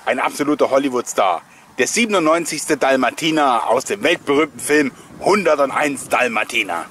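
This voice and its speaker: A man hosting a collectors' nostalgia channel reminisces in a chatty voice-over full of personal anecdotes, rambling good-naturedly and prone to chuckles. His middle-pitched voice is a bit bright and moves at normal speed, and some background noise can be heard.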